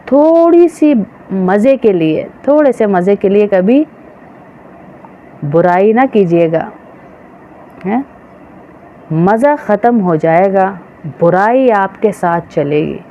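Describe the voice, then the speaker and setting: A woman religious teacher preaching a sermon to women, emphatic and full of rhetorical questions. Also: on the low side. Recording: dull, slightly noisy recording.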